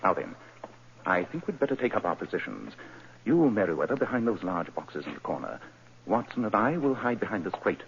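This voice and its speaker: An actor playing Sherlock Holmes as a sharp, commanding detective, in crisp 1940s radio style. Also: male voice, lowish voice, very animated, a little hiss or hum. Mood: calm. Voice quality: crisp, authoritative, brisk. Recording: muffled old radio broadcast.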